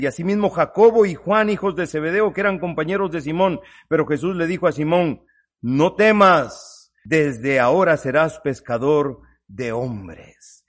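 A man preaching a sermon, swinging between loud urgent peaks and low hushed lines, acting out quoted voices as he goes.

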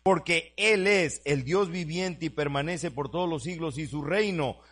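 A man preaching a sermon, stretching words out loudly and then dropping to quiet asides, calling his listeners brother. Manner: swings between loud drawn-out preaching and low asides. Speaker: pastor.

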